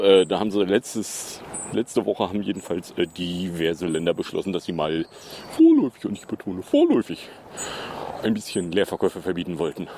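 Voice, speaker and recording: A man's voice: lowish voice, darkish tone, a little hiss or hum. A man hosting his own podcast, rambling casually and sarcastically with many fillers. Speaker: podcast host. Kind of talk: casual solo podcast commentary.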